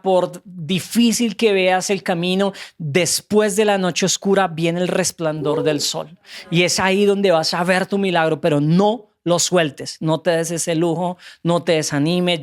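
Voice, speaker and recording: A man, a podcast guest telling a faith testimony and exhorting listeners earnestly. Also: high voice. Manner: earnest, animated storytelling with acted quotes.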